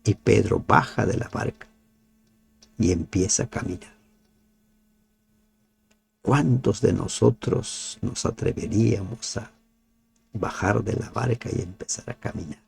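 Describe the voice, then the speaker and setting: A man giving a devotional Bible commentary, asking his listeners rhetorical questions and dropping to soft, nearly whispered pleas. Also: fairly low pitch, a little slow, creaky, long pauses. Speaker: Bible teacher.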